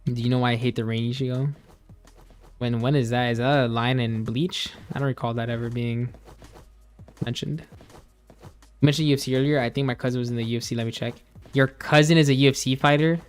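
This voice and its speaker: Brief: young male streamer, easygoing rambling chat, middle-pitched voice, faint music underneath. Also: fairly even intonation, a little fast, pauses often, smooth. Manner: rambling, laid-back, many fillers and restarts. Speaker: gaming streamer. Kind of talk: casual chat while gaming, reading chat.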